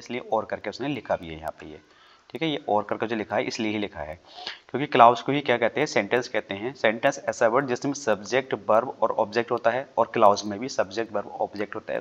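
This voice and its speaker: A man's voice: medium pitch, dull audio. A man teaching English literature exam questions, explaining each answer step by step with worked examples and often checking in with his students. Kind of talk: exam-prep lesson on a YouTube channel. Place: home desk, recording over a screen with a drawing tablet.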